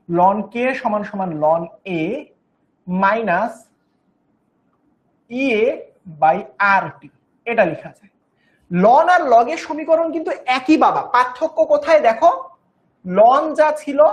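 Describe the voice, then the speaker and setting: A young woman giving an online chemistry class, patiently repeating each step and coaxing her students along. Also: a little high. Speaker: chemistry teacher.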